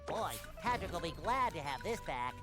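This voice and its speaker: SpongeBob, a chirpy cartoon sponge. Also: male voice, high-pitched, very animated, moderate pace. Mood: earnest. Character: cheerful eager young male sea sponge. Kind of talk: video game character lines. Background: game music.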